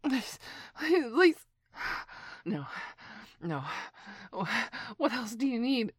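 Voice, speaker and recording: A woman's voice: fairly high pitch, sing-song, slow, husky, dry recording, clean studio sound. A woman in an acted audio roleplay, out of breath and pleading between giggles. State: out of breath from laughing.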